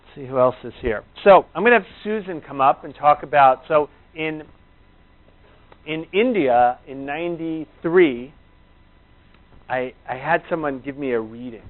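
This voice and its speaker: Unhurried and a little high-pitched, a man walks a class through breathing exercises in an informal, reassuring way, sprinkling in "you know" and "right." The recording has a thin, phone-like quality.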